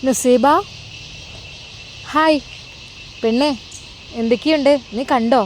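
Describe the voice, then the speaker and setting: A woman's voice: high-pitched, slow pace, a little hiss or hum, pitched above the performer's own voice. A woman voicing a young woman friend who coaxes and presses insistently. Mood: coaxing. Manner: coaxing and insistent.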